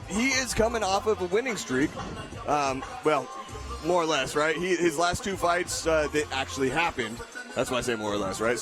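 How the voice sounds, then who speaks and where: High-pitched man commentating on fights. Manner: conversational, enthusiastic. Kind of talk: live sports commentary. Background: music.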